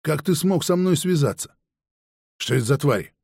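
A man's voice: fairly high pitch, expressive, normal speed, gravelly, darkish tone, husky, dry recording, studio quality, full character voice. A man doing a brusque, cocky leader. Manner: curt commanding orders.

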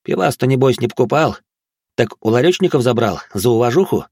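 A man's voice: medium pitch, animated, brisk, darkish tone, slightly rough, no echo, clean studio sound, pitched above the performer's own voice. A man reading an audiobook, voicing a cocky male police officer who needles others sarcastically. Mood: mocking.

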